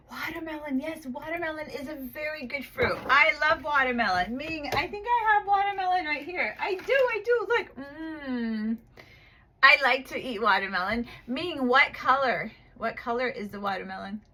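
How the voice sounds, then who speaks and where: High, bright-voiced woman teaching a child. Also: a little hiss or hum. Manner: slow, exaggerated and cheerful with the child, calm aside to viewers. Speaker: online English teacher. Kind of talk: live online class for a young child. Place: home room at night.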